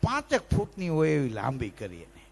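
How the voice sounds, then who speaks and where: Performing dayro comic storytelling, this male folk comedian acts out lisping characters and breaks into sung bits as he tells lively jokes. His voice is fairly high and creaky with a breathy edge, and he speaks fairly quickly.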